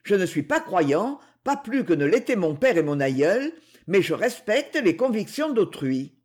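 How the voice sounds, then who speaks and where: A reader voicing a stern, courteous brigand king who speaks gravely and with conviction. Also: sits high, sing-song, unhurried, darkish tone, heavily acted. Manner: cool, courteous, solemn.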